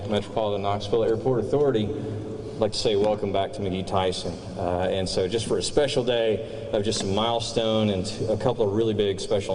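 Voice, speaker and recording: A man giving an informal, enthusiastic, halting welcome speech as a military commander. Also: lowish voice, darkish tone. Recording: echoey hall, faint background noise.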